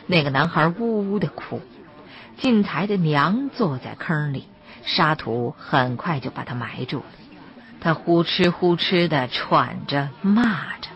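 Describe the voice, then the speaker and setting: Woman reading a novel, animated storytelling, dull muffled lo-fi audio. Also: low voice, measured pace. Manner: dramatic, storytelling. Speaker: audiobook reader. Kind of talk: expressive novel narration.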